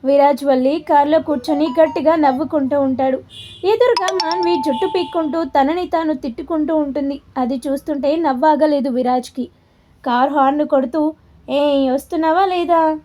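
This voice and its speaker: A woman narrates a story in an even, descriptive way. Her voice is high-pitched yet mellow and soft-toned. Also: a little fast.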